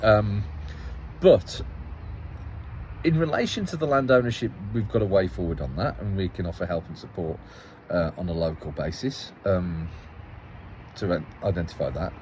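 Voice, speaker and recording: A man with a fairly low voice gives a casual, rambling account as a local parish councillor, often repeating and restarting his phrases. He tells it with a note of exasperation. He is recorded outdoors in a town, with faint traffic in the background. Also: animated, moderate pace, a little mellow, low-quality recording.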